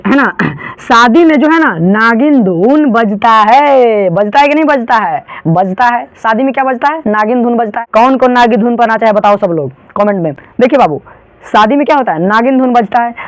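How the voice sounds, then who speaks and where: A young man in his late teens with a Bihari Hindi accent, explaining exam memory tricks in a chatty, repetitive way and drawing out titles slowly. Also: very high voice, no room sound. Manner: chatty, repetitive, keeps calling listeners "babu", drags out titles slowly. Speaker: exam tutor.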